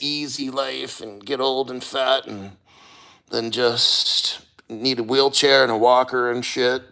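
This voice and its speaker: A man chatting casually on a livestream, blunt and sweary, with halting, strained delivery and throat-clearing as he endures cold. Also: mid-range voice, bright, forceful tone. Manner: halting, sighing, throat-clearing while enduring icy water. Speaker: livestreamer reading viewer comments.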